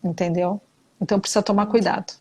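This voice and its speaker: A woman's voice: medium pitch, steady tone, quick pace, warm tone, husky. A middle-aged woman, a psychologist, giving blunt, emphatic relationship advice in a live talk, repeating her key points with religious framing. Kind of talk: live advice talk answering viewer questions.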